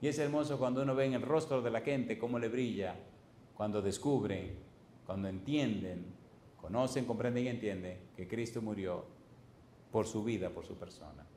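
A man's voice: lowish voice, normal speed, darkish tone, slight background noise. Emphatic older male preacher, echoey hall. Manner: emphatic, repetitive, rhetorical questions to the congregation. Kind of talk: sermon.

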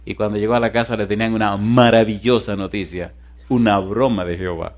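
A male pastor giving a sermon, moving between loud rousing calls and hushed storytelling. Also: lowish voice, fairly even intonation, brisk.

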